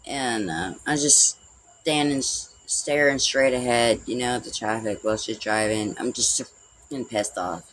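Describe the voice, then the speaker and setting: A man's voice: medium pitch, moderate pace, a bit bright, rough recording. A man hosting a livestream, telling a personal story in a rambling, profane way full of "like" and "you know". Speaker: livestream host.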